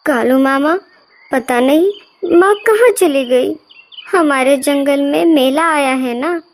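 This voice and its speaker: A woman's voice: high-pitched, darkish tone. A woman voicing a small male bird chick in a cartoon, pleading and weeping for his mother.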